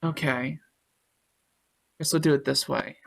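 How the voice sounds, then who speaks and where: A woman with a bass, creaky voice streams live on Twitch, speaking in an unhurried way. She chats loosely with viewers, reads their messages, thanks them and swears a lot.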